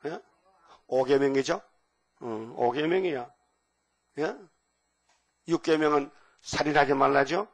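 A man in his seventies preaching a sermon. He reads scripture slowly, asks the congregation rhetorical questions and sometimes bursts out loudly. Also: a little high. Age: 70s. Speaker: pastor.

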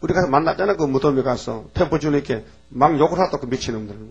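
A man's voice: fairly high pitch, lively intonation, fast, husky, dull audio. A man preaching a sermon in a blunt, folksy way, firing rhetorical questions at the congregation. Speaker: pastor.

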